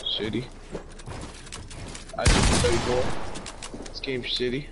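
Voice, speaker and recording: A man's voice: medium pitch, fairly even intonation, takes it slowly. A man trash-talking during an online shooter game in a hyped, brash gamer-bro way, with slang and swearing. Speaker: gamer playing a 1v1 shooter match. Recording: very noisy game mic with gunfire. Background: loud gunfire and game sounds.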